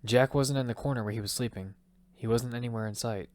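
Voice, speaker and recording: A man of medium pitch speaks quickly and lightly acted, grim but measured, as the narrator and lead of an amateur audio fiction. He plays a hot-tempered father telling of his battle-royale survival through first-person narration and dialogue. The studio sound is clean and dry, with background music underneath.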